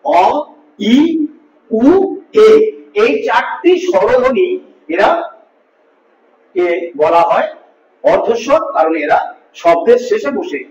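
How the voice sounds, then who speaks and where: A man's voice: very high voice, lively intonation, takes it slowly, pauses often, darkish tone. A male teacher giving a grammar lesson, patiently repeating each point and asking his students questions. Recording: echoey room, distant mic, dull lo-fi.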